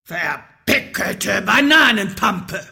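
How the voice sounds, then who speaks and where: A woman voicing a furious male wizard who yells insults, in a children's audiobook. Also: mid-range voice, animated, slow, vocal fry, pitched above the performer's own voice, heavily acted. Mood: raging. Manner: shouting insults in a strained, raised voice. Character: furious little wizard man, stomping and raging. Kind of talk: audiobook character voice.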